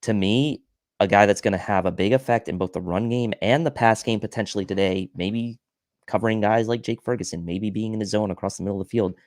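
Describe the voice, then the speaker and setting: A man's voice: fairly low pitch, fairly quick, a little mellow, dry recording, clean studio sound. A man co-hosting a football pregame show, breaking down the matchup with stats in an analytical way. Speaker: podcast co-host. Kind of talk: sports pregame talk show.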